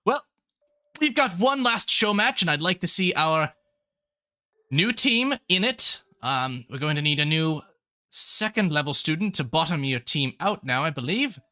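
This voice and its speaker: A man's voice: fairly high pitch, animated, a little slow, sharp tone, no room sound, clean studio sound, pitched above the performer's own voice, full character voice. A man voicing an eager male professor who talks in a chipper, hesitant way. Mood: cheerful.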